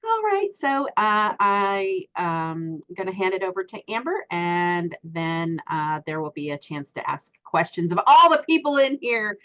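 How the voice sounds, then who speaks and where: A middle-aged woman hosting an online class over a group voice call, speaking haltingly with many ums and uhs. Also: mid-range voice, very animated, fairly bright tone. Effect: heard over an online group voice call. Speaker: class host. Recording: dull lo-fi call audio.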